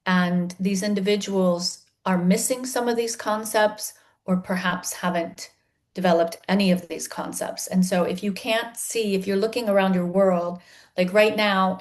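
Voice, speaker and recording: A middle-aged woman, a dyslexia facilitator, explains her method on a video call, pausing often with ums and restarts. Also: mid-range voice. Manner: hesitant, many ums and restarts.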